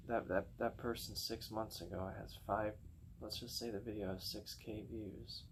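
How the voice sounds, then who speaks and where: A man's voice: fairly low pitch, a little hiss or hum. A man giving a casual acoustic guitar lesson, rambling and repeating words as he corrects himself. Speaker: guitar teacher. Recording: guitar music behind voice. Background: acoustic guitar playing.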